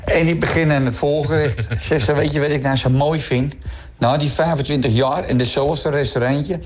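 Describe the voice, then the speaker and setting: Animated Dutch joke-telling man. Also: fairly high pitch, moderate pace. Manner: animated storyteller switching voices for characters. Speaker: joke teller on radio show. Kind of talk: telling jokes on radio.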